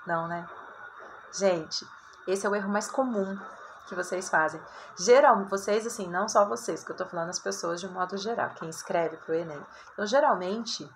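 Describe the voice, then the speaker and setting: A Brazilian woman teacher giving a recorded writing lesson, talking straight to her students in a chatty, lively way. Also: mid-range voice, background noise. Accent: Brazilian Portuguese. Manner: chatty, addresses students directly, lots of "tá?" and "ó".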